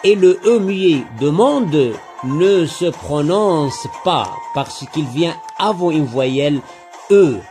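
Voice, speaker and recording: Guy teaching a poem lesson, slow and careful, voice goes up and down a lot, a bit of music behind. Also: fairly high pitch, lively intonation. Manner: slow, deliberate, spelling out syllables. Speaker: literature teacher. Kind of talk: lecture-style poem analysis.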